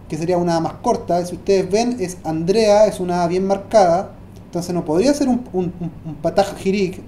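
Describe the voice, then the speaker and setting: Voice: medium pitch, warm tone, echoey room, a little hiss or hum. Hesitant teacher. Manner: hesitant, repeats words while thinking aloud. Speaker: Hebrew teacher. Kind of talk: online language lesson.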